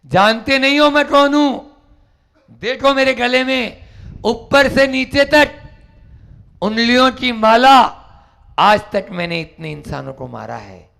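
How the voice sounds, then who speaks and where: A man voicing a fierce, boastful male robber who threatens loudly, inside a spoken sermon. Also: high voice, normal speed, creaky. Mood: menacing.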